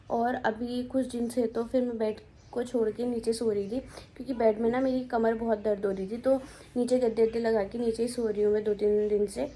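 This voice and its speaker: A young woman with a slightly high voice talks through a casual home vlog. She rambles in an easy, conversational way and circles back over her own words. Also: mellow. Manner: rambling, conversational, repeats herself. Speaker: family vlogger. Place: at home indoors.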